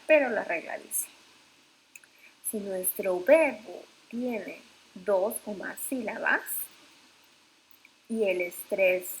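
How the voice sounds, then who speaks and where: Speaking in Spanish, a woman with a medium-pitched, fry-tinged voice teaches English grammar slowly and patiently, often using fillers and correcting herself. The audio is poor, with a little hiss or hum.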